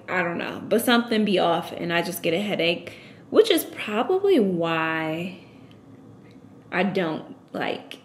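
A woman's voice: lowish voice, a bit bright, slight background noise. A woman in her late twenties talking casually to camera at home for her vlog, loose and chatty with lots of "like" and "um". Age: late 20s. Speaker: vlogger.

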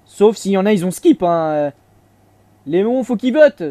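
A young man giving casual let's-play commentary, chatty, restarting his sentences, with excitable bursts. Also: high-pitched, moderate pace, no room sound. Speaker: gaming YouTuber.

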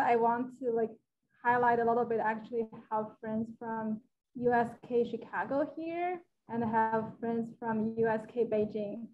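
Young woman from China, fairly high voice, halting talk on a slightly dull video call. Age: young adult. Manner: hesitant, many fillers and restarts. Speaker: guest speaker. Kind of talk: casual presentation on a video call. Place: living room with a large wall mural. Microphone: video call, laptop camera.

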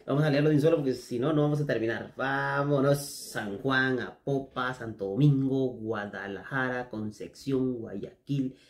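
A man's voice: mid-range voice, moderate pace, hardly any pauses. A man chatting casually in a vlog, reading lists aloud and musing to himself as he goes. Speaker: vlogger.

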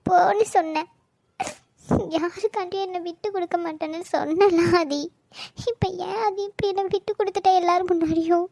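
A hurt, fiery young wife from a cartoon drama, acted by a woman, speaking in a piercingly high voice. She scolds and reproaches in turn, with a dry, close recording. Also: dark tone, no room sound. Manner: teasing then tearful, reproachful.

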